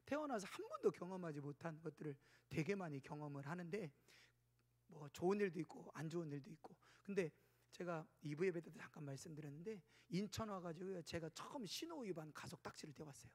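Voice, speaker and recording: A man in his forties preaching a sermon as pastor, telling stories animatedly, jumping from shouts to whispers. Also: a little high, expressive, fast talker. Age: 40s. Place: church sanctuary. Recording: long church hall reverb.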